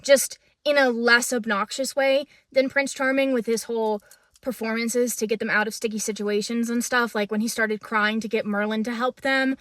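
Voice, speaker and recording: A young woman talking through a casual commentary in a chatty, sarcastic way. Her voice sits high, and the recording is close and dry. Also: little pitch movement, normal speed, a bit bright, no room sound. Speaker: video essayist.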